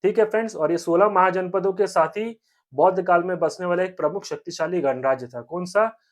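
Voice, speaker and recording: A young man's slightly high voice runs an exam-prep history lesson. He keeps asking quick questions and answering them himself, repeats the key points, and checks in with his listeners every few lines. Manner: repetitive, asks and answers own questions; frequent 'theek hai friends' check-ins. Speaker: teacher.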